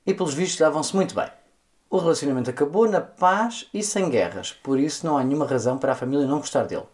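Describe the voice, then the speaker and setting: A camp, sharp-tongued man with a European Portuguese accent banters and swears his way through a listener email on a podcast. His pitch swoops up and down expressively as he talks, theatrical and sassy throughout. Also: lively intonation, fast talker. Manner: camp, sassy, swears freely, dramatic exclamations. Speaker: podcast co-host. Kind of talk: casual comedic chat, reading a listener email.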